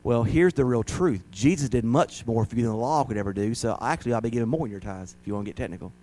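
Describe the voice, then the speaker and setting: A man in his forties preaching a sermon as pastor, swinging between loud emphatic lines and soft asides. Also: mid-range voice, fast talker, slight background noise.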